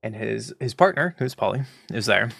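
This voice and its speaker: Young male streamer, gravelly, casual profane banter while playing. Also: fairly low pitch, expressive, normal speed, a bit bright, dry recording, studio quality. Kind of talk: casual gaming stream chat.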